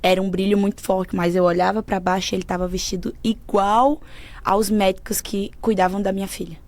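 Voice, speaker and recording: A woman, a podcast guest who shares a personal faith story in an earnest, emotional way that often goes soft. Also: mid-range voice, flat delivery, a little fast. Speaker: podcast guest, mentor of women. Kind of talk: personal faith testimony in conversation.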